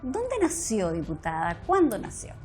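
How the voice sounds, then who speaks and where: A woman's voice: medium pitch, huge pitch swings, a little slow, darkish tone, soft background music. A woman hosting an institutional interview show, introducing her guest and asking questions with lots of affirming replies. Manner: affirming, with frequent backchannel "claro". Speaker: interviewer, host. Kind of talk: broadcast interview.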